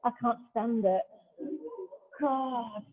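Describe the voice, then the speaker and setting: A woman leading a Pilates class, giving calm step-by-step cues mixed with chatty asides. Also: a little high, drawn-out words. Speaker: Pilates instructor. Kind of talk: guiding an exercise class. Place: large hall, class streamed over a video call. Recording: echoey hall over a thin phone-like line.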